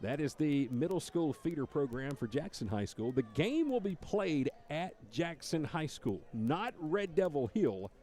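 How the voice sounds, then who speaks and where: A man's voice: on the high side, big pitch swings, measured pace, hardly any pauses. Man calling football play-by-play. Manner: builds to shouts on big plays. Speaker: play-by-play announcer.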